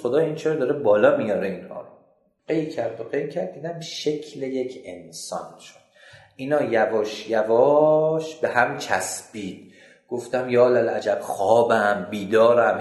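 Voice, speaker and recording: Man, preacher, dramatic sermon storytelling, hushed to loud, mid pitch, echoey room.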